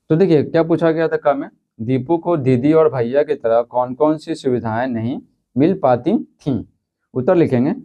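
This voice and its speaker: A man teaching a school lesson, reading textbook questions and answers, then repeating them slowly with frequent check-ins. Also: medium pitch. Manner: repeats answers, fills with "theek hai". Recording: slightly dull lo-fi recording.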